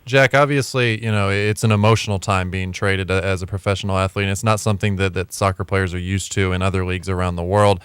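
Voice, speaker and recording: A man's voice: low-pitched, little pitch movement, quick pace, hardly any pauses, a bit bright, clean tone, no room sound. A man co-hosting a sports show, casually discussing news and questioning a guest.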